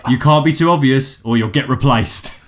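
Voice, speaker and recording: A man's voice: medium pitch, moderate pace, a crowd in the background. Laid back podcast guy reading out listener emails, trips on words a bit. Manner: relaxed, reads aloud with small stumbles. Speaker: podcast co-host. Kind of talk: casual chat and reading out entries.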